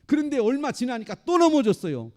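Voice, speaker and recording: Lively, mellow-voiced male pastor preaching. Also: very high-pitched, a little fast. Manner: animated preaching, acting out quoted voices. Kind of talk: sermon.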